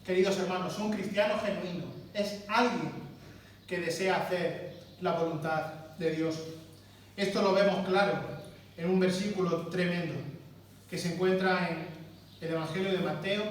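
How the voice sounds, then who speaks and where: Emphatic preacher in an echoing church. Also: male voice, high voice, a little hiss or hum. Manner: emphatic preaching, repeating words for stress. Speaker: pastor. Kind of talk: sermon. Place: church hall. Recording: very echoey church from far off.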